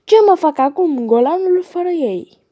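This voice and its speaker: A woman's voice: very high voice, animated, dark tone. A woman voicing a self-pitying male gander who wails over his lost slippers, in a storybook reading. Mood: wailing.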